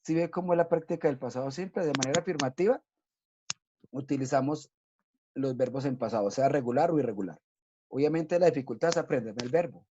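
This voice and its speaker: In a recorded online class for children, a man teaches English, patiently going step by step and often checking in with "¿listo?". His mid-range voice is warm and brisk, and the recording is dull and lo-fi with slight background noise.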